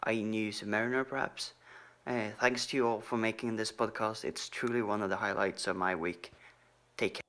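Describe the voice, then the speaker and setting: A man's voice: lowish voice, steady tone, normal speed, bright, forceful tone. A man leaving a polite, friendly voicemail for a podcast, played back over a phone line. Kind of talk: recorded voicemail message to a podcast.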